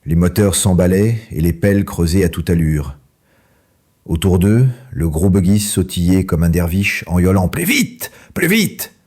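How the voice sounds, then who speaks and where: A man reading a children's story aloud in French, lively and acting out the characters. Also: moderate pace, husky. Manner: lively, acts out each character with raised pitch. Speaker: audiobook narrator.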